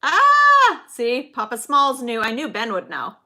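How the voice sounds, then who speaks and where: Bright, lively woman hosting a livestream. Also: fairly high pitch, normal speed. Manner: chatty, enthusiastic, cheers on viewers by name. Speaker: livestream host. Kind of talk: casual live chat, reading movie quotes.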